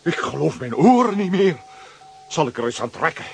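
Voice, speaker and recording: An actor playing Lambiek, a blustering, excitable middle-aged man in a children's radio play, with a gravelly voice. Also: a little high, normal speed, soft background music.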